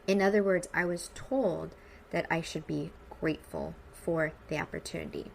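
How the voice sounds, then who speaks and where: This American podcast host, a woman in her forties from the suburban Midwest, speaks at a moderate pace in a lowish voice with vocal fry. Her informal delivery carries upbeat emphasis, and there's slight background noise.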